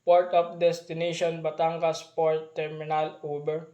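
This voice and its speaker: A man doing a ship's radio call in formal marine radio procedure, as if over a walkie-talkie, slowly spelling out call signs. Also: on the high side, monotone, dark tone, muffled recording. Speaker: ship radio operator in a role-play. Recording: roomy, echoey recording.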